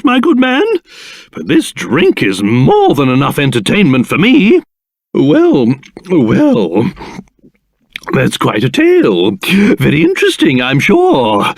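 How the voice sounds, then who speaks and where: An actor with a British accent playing a pompous, excitable old king in a video game, theatrical and blustering, with old-fashioned posh phrasing. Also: on the high side, vocal fry, no echo, clean studio sound, full character voice. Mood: musing, pleased. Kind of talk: video game character voice acting.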